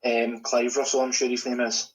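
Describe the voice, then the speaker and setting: A man's voice: mid-range voice, monotone, normal speed, rough recording. A Scottish man co-hosting a casual podcast in a laid-back, chuckling way. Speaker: podcast co-host. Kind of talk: casual chat.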